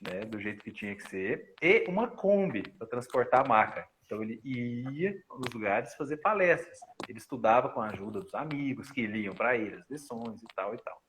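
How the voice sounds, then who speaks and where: Lively, bright-voiced Brazilian man telling stories. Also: mid-range voice, fairly quick, hardly any pauses, a little hiss or hum. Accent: Brazilian Portuguese. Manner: animated storyteller who acts out quoted lines with laughs. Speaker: spiritist study group presenter. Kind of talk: casual religious study talk, storytelling.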